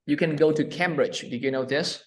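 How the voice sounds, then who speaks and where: Male English tutor, video call, patient, drills words slowly. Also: a little high. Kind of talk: one-on-one online lesson.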